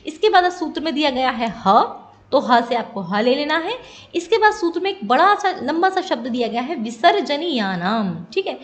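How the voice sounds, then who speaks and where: Woman, high-pitched, Sanskrit teacher, patient step-by-step explaining, exam-prep lesson. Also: lively intonation, normal speed. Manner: patient, repeats "ठीक है" to check understanding.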